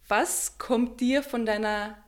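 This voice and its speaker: A woman hosting a podcast, asking friendly, clearly phrased questions. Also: fairly high pitch, fairly even intonation, slow pace. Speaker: podcast host, editor. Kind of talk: interview podcast.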